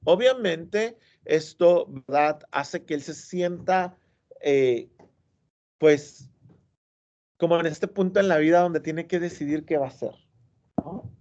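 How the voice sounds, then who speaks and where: A man's voice: a little high, slow, pauses often, darkish tone. Male teacher lecturing a class on a story, keeps asking students questions, muffled classroom recording. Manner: explanatory, asks the class check questions. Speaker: high school literature teacher.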